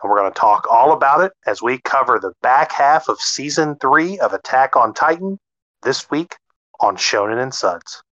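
A man co-hosting a casual podcast chat, excitable, swearing freely and stumbling over his words. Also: mid-range voice, moderate pace, dull audio. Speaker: podcast co-host.

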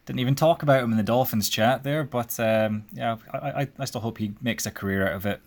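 A young man leading a relaxed sports conversation. He rambles along in a chatty way, stringing ideas together with ums and asides. His voice sits at an ordinary pitch. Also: brisk. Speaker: podcast host. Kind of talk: casual sports chat.

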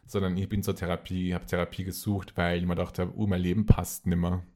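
A man with an Austrian accent speaks as an interview guest, casual and personal, repeating phrases for emphasis. His voice sits low and dark, delivered flatly at a quick pace.

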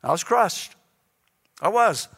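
A man's voice: high voice, very animated, takes it slowly, gravelly, fairly bright tone. Earnest male preacher in a reverberant hall. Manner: earnest, often repeats words when moved. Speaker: guest preacher. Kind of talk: sermon storytelling. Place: church sanctuary. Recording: long reverb of a large hall.

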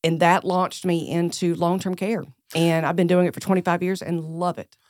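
A woman's voice: on the low side, level tone, normal speed, a little mellow, dry recording. A middle-aged woman from South Carolina with a Southern accent, a podcast guest chatting casually and telling her story with many ums. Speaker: guest, senior living executive director. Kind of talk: casual interview chat.

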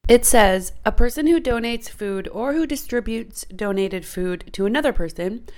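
A woman reading out a law in a measured, precise way, then explaining it in plain words. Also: a little high, lively intonation, darkish tone. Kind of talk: read-aloud explainer segment.

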